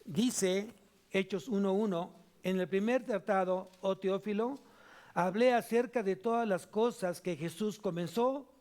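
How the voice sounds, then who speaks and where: A high-pitched man with a Mexican Spanish accent preaches emphatically as pastor in a church sanctuary. He keeps repeating key phrases, and his delivery rises loud and drops soft.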